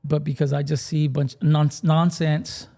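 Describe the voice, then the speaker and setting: A man's voice: fairly high pitch, flat delivery, normal speed, gravelly, mellow. A man, a pastor hosting a show, interviewing a guest in an affirming, conversational way. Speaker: pastor and podcast host.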